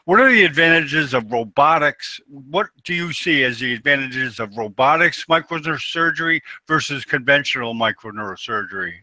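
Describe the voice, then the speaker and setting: A man's voice: mid-range voice, expressive, normal speed, hardly any pauses, pushed and bright, no echo. A man moderating a discussion and putting plain interview questions.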